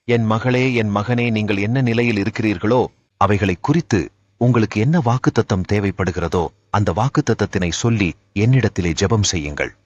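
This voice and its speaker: A man's voice: low-pitched, slightly rough, dry recording. A man delivering a devotional message in God's voice, solemn and comforting, addressing listeners as his daughters and sons. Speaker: devotional speaker. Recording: dull, lo-fi and dry.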